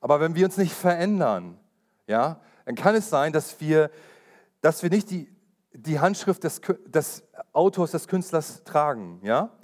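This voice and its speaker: A man's voice: on the high side, animated, unhurried. Earnest man preaching with repeated emphasis. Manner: personal testimony told with urgency. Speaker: pastor. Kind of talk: sermon.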